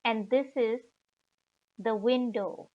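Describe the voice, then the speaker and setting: Woman teaching slowly and carefully. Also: on the high side, steady tone. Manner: pauses often, sounds out German words with care. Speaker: German language teacher. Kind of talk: slow, deliberate tutorial explanation. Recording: slightly dull lo-fi recording.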